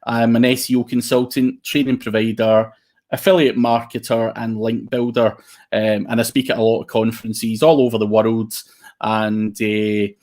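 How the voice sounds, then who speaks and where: A man's voice: mid-range voice, a little mellow. A man with a broad Scottish accent giving an informal online presentation in a blunt, plain-spoken way. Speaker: guest speaker, SEO consultant and trainer.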